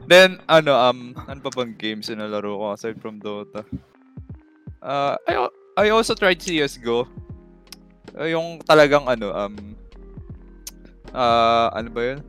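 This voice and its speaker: A man's voice: medium pitch, expressive, measured pace, long pauses, a bit bright, faint music behind. A man chatting as a guest about games, rambling with many fillers and mixing English into Filipino. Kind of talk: casual gaming podcast chat.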